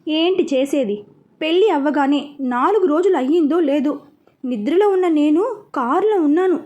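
A woman's voice: sits high, lively intonation, normal speed, mellow, lo-fi sound. A woman voicing a frank, irritable young bride complaining on the phone. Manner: complaining, exasperated.

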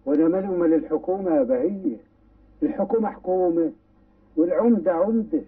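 An actor playing a blustering, sly village mayor with an Egyptian accent in an old film. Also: male voice, high-pitched, quick pace, dry recording. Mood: coaxing. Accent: Egyptian Arabic. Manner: bossy and blustering, then smoothly coaxing. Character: pompous, sly village mayor, middle-aged man. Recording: tinny, distant old film soundtrack.

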